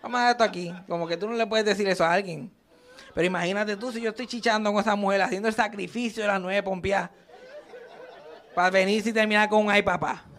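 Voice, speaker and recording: Quick and high-voiced, this young man is doing stand-up comedy at a live show. His act is crude, lively storytelling, and he acts out every line he quotes.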